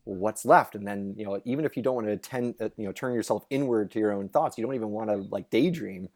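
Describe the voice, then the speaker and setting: A man's voice: on the low side, quick pace, dark tone. A man, a researcher guest, explaining ideas conversationally and animatedly, with many restarts and voices put on for quotes.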